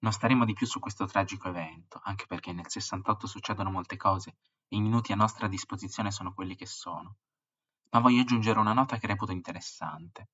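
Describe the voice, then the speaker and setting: A man with a fairly low, husky voice reads a story slowly and dramatically. The recording sounds dull and lo-fi, like a home podcast. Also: a bit bright. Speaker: podcast host. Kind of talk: reading a book passage aloud, then history podcast narration.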